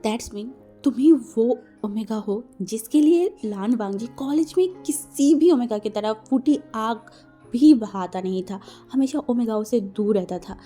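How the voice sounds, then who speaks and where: A woman's voice: a little high, unhurried, dark tone, faint music behind. A woman voicing a gossipy, teasing young male omega student in a fan-fiction reading.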